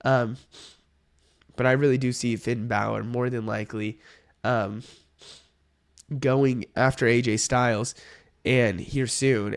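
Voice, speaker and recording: A man's voice: mid-range voice, smooth. A young man with a sick-sounding voice, hosting a casual opinion vlog, rambling and correcting himself as he goes. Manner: rambling, hedging, self-correcting. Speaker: wrestling video host.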